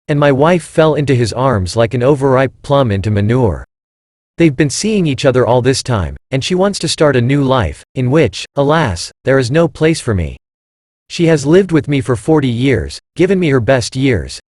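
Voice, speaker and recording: Male storyteller with lively pitch. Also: dry recording, studio quality. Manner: steady storytelling read. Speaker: narrator. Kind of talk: first-person story narration.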